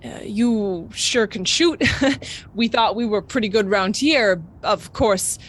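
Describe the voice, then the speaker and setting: A woman voicing a tough, blunt female city police lieutenant in a radio drama, speaking deliberately. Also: mid-range voice. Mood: admiring.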